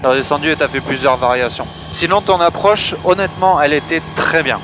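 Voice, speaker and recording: A man's voice: fairly high pitch, brisk. A man coaching informally as a flight instructor on a pilot headset intercom, explaining things in a reassuring way. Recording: clear aircraft engine noise. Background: aircraft cockpit noise.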